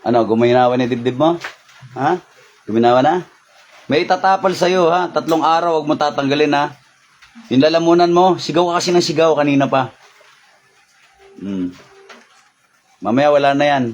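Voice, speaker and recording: A man leading a faith healing session, reciting rapid Latin prayers and giving short, repeated commands. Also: on the high side, lo-fi sound. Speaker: faith healer.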